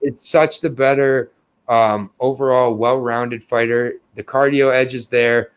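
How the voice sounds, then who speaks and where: A man's voice: medium pitch, fairly even intonation, a little slow, clear, resonant tone. A young adult man co-hosting a podcast, talking casually with profanity and getting flustered. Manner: profane, self-deprecating, flustered. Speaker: podcast co-host. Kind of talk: casual chat.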